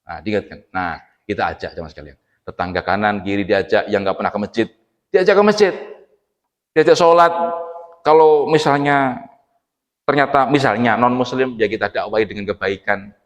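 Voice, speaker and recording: Man, low voice, joking preacher, long mosque reverb. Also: normal speed, pauses often. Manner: chatty, joking, quizzes the congregation. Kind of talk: casual mosque sermon. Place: mosque hall.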